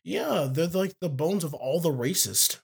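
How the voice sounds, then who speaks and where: A performer playing a swaggering demon executive back from hell who rambles boastfully and excitably in an improvised comedy podcast bit. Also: mid-range voice, unhurried, creaky, breathy edge, heavily acted.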